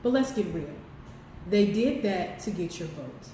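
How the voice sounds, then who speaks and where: A woman's voice: medium pitch, lively intonation, unhurried, dark tone, distant mic. A woman co-hosting an impassioned political discussion, speaking emphatically and firing rhetorical questions at her listeners. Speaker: co-host. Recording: very echoey room, voice off-mic, faint noise.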